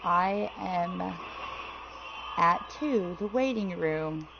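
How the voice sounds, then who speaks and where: A woman giving casual, jittery commentary while playing a horror game, swearing freely and reading things out loud. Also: lowish voice, animated, extremely slow, creaky, lo-fi sound, background noise. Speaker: let's play gamer.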